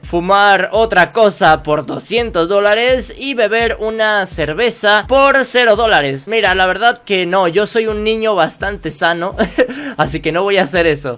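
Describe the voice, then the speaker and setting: A man giving jokey, excitable let's-play commentary, often yelping and shouting at the game. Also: sits high. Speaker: gaming video host.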